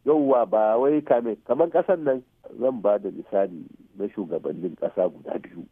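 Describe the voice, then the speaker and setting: A man with a Nigerian Hausa accent talks as an expert guest on the radio, speaking low, briskly, and a little roughly. He slips English technical terms into his explanations and uses short tag questions to make sure the listener is keeping up. The sound is muffled and phone-like, with no echo.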